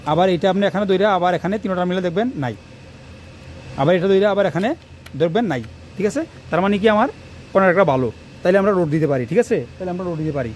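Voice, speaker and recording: A man, an electrician talking quickly and repetitively through a hands-on wiring tutorial, recorded on a phone in a workshop. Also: a little high, darkish tone, a little hiss or hum. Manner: fast, rambling, repeats himself while working. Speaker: electrician teaching wiring on his channel. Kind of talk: hands-on tutorial talk to camera. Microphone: phone camera propped nearby.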